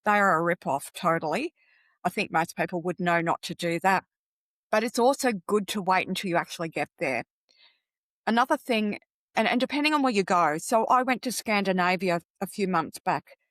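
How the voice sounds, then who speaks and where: A travel coach with an Australian accent appears as a podcast guest, offering practical advice in a conversational way. Her lowish voice is a bit bright and moves at a moderate pace, and the recording is dry.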